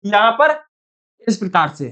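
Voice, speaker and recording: A woman with a mid-range, sing-song, fairly bright voice teaches a Hindi spelling lesson to ninth graders at a measured pace in an online class. She keeps asking her pupils questions, repeats "theek hai" again and again, and calls them "beta."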